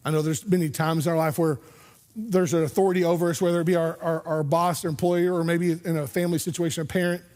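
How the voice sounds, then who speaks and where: A man's voice: on the high side, fairly even intonation, fast talker, a little mellow, in a large hall. A man preaching a sermon as pastor, in a conversational way with self-deprecating humor, often repeating words as he thinks aloud.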